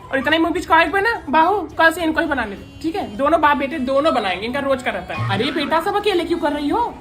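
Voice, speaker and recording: A woman playing a doting, bossy mother-in-law in a comedy sketch, fussing and giving quick commands. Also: high-pitched, expressive, over music. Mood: scolding. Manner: scolds and fusses in quick commands. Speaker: comic sketch actor.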